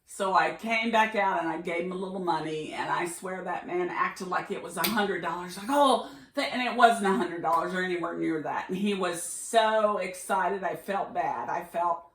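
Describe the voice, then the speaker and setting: In a fairly low voice at a moderate pace with few pauses, a middle-aged woman hosting a podcast spins casual travel tales, animatedly acting out what people said. There's roomy echo and clear background noise on the recording.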